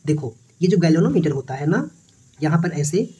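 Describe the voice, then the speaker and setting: Teacher for an exam-prep physics lesson, warm low-toned voice, patient and repetitive. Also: sing-song, a little hiss or hum. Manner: explains step by step, repeating phrases and asking quick checks.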